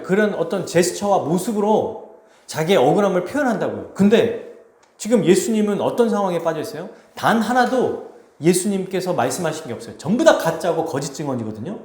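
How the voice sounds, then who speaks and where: A fairly high-voiced male pastor preaches an expository sermon, his pitch swinging widely as he acts out what people say. The sound is roomy, with the echo of a church sanctuary around him. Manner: animated preaching, acts out quoted speech.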